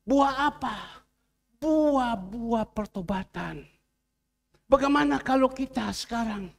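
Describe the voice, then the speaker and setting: A man preaching a sermon as pastor in a church, telling a story and acting out its dialogue. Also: extremely high pitch. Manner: storytelling with acted-out dialogue, rising and falling emphasis.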